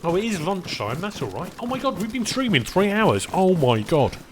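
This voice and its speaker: Streaming a game with background noise behind him, a man rambles from topic to topic with his viewers, calling them "boys." His voice sits high and is very animated at a moderate pace, and he eats while talking, sometimes with his mouth full.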